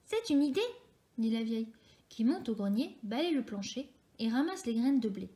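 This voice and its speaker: A woman reading a children's story aloud in a lively, expressive way. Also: on the high side, normal speed.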